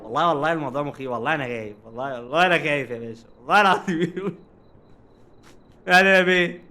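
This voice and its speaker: A young man with an Egyptian Arabic accent giving jokey, animated commentary while playing a horror game and chatting to its characters. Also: a little high, rapid-fire. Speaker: gaming streamer. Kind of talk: casual let's-play commentary.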